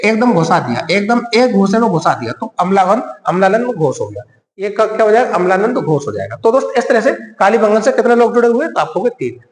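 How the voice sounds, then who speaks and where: A man teaching an exam-prep lesson with memory tricks. He repeats each point, quizzes his listeners, answers himself and keeps calling them friend. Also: high-pitched. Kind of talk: mnemonic-based classroom lecture. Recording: echoey room with long reverb.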